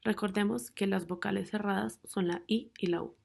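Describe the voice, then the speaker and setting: A young woman narrates a class presentation on grammar rules. Her mid-pitched voice has a light gravelly fry, and she reads through rules and example words in a measured, steady way. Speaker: student presenter.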